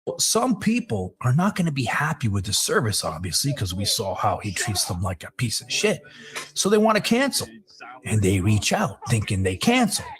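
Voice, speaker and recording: A man hosting a live stream, telling the story with animated, profane commentary. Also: lowish voice, normal speed, crowd noise. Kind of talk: commentary on a played clip.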